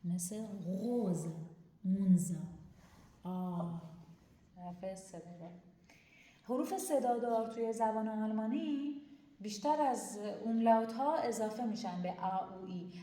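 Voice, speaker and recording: A woman teaching a pronunciation lesson, laying out each rule and then drawing out example words one by one, slow and deliberate. Her voice is mellow and dark in tone. The room gives it a noticeable echo. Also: a little high. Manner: explains rules, then sounds out example words slowly; hurried asides about running out of time. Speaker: German language teacher. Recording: roomy echo.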